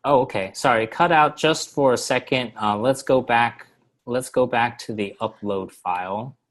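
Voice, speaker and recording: A man presenting a software walkthrough on a webinar, explaining steps with many fillers and halting restarts. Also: mid-range voice. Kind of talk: screen-share software walkthrough.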